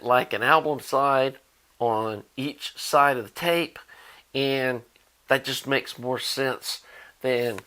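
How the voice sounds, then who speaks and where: An American hobbyist video host explains gear informally in a rambling, think-aloud style. His voice is medium-pitched with a fairly bright tone, and the talk is casual explanatory product chatter.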